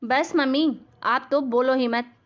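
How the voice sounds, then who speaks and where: A woman voicing a spoiled, bossy young married daughter in an animated family story, snapping and shouting orders. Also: high voice, a little slow, muffled recording. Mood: angry. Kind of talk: animated cartoon voice acting.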